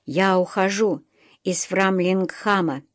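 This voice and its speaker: A woman's voice: mid-range voice, slow pace, no room sound, clean studio sound, natural voice. Woman reading as a shy young smith girl. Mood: hesitant. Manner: hesitant, subdued. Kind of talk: audiobook reading.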